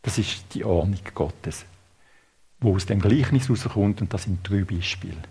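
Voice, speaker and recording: A man with a Swiss German accent preaching a sermon, halting, with many fillers and restarts. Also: low-pitched, warm tone, breathy edge.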